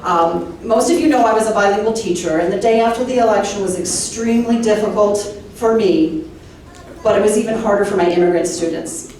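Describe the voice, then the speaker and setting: A woman's voice: medium pitch, a little fast, a little mellow. A woman state representative and former teacher giving a heartfelt, rallying campaign speech. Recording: echoey room from far off.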